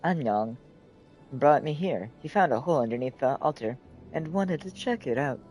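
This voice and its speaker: An excitable young boy from a video game chatters eagerly and begs to come along, put on by a man. The voice is pushed noticeably higher than natural, with a mellow tone over faint background music. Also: moderate pace, close to an everyday voice, rough recording. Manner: eager, pleading.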